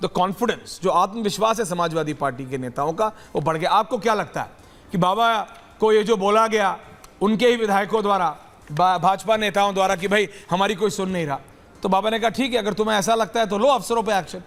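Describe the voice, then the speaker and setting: A man's voice: sits high, a little fast, a bit bright, long reverb tail. A man anchoring a TV debate, emphatic and mixing English phrases into his speech. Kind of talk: TV debate hosting.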